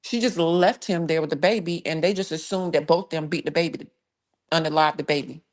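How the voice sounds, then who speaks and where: Low-voiced woman hosting a true crime stream. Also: brisk. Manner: blunt, emphatic, conversational with sighs and restarts; reads viewer comments and thanks viewers while talking. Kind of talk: casual live-stream case commentary.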